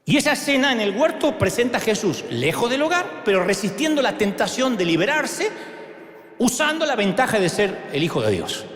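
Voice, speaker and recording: Animated Argentine pastor in an echoing hall. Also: male voice, high-pitched. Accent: Argentine Spanish. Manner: theatrical, acts out quotes and shouts for emphasis. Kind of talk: sermon. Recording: echoey hall with long reverb.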